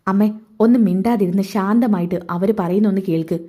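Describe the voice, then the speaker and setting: A woman's voice: mid-range voice, a little fast, warm tone, close to an everyday voice. A woman voicing a young man who is bitter and insistent with his mother. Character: young man, angry, protective son.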